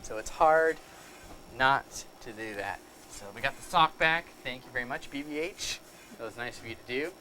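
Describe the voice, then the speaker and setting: A man's voice: medium pitch, moderate pace, bright, forceful tone, a little hiss or hum, rough recording. A man hosting a casual live show, upbeat and reading viewer comments aloud. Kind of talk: casual live-stream chat.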